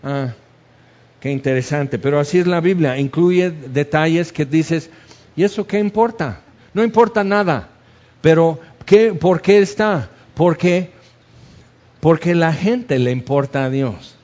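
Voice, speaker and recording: A man with a slightly raised pitch preaches in an easy, conversational way. He breaks off and restarts words and acts out the quotes as he explains the passage. The recording is dull and lo-fi. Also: a little slow, darkish tone. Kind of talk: expository sermon.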